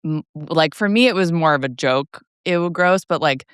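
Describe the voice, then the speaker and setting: A woman in her twenties tells a story in a loose, chatty way, full of fillers and laughter. Her voice is smooth and clear, and the mic is close and dry. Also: low voice, animated, normal speed, no room sound. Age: 20s. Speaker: podcast co-host. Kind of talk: casual family chat.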